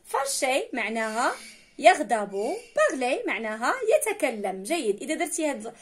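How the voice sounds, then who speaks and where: A woman's voice: sits high, big pitch swings, normal speed, breathy edge. A woman with a Moroccan accent teaching a French lesson, switching between French and Moroccan Arabic, encouraging her students and spelling words out letter by letter. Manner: encouraging, repeats words for drilling.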